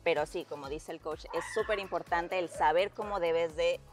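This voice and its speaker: Upbeat young woman trainer, lowish voice. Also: moderate pace, music in the background. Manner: upbeat, explanatory. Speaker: personal trainer and nutritionist. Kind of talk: explaining exercise tips. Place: outdoor park workout area. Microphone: lapel mic.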